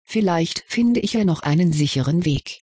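A subdued, earnest schoolgirl from a storybook, voiced by the reader. Her husky voice sits in the middle of the range. It sounds dry and close. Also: medium pitch, lively intonation, moderate pace, no echo. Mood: resigned. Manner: subdued, quietly disappointed.

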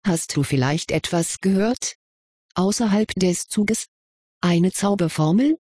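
A reader voicing a curious, kindly male wizard professor in an audiobook, questioning gently with mild amusement. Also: medium pitch, unhurried, breathy edge, no echo, clean studio sound, pitched above the performer's own voice. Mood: probing. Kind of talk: audiobook character reading.

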